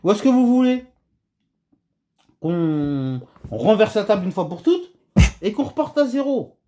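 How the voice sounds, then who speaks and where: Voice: medium pitch, big pitch swings, measured pace, mellow. A video commentator delivering a heated rant to camera, agitated and emphatic, with many hesitations and restarts.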